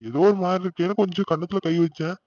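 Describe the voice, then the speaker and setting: A man voicing a young husband just home from hospital in a cartoon, reassuring but quickly exasperated by fuss. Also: sits high, fairly even intonation, darkish tone. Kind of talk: cartoon voice acting. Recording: dull lo-fi recording.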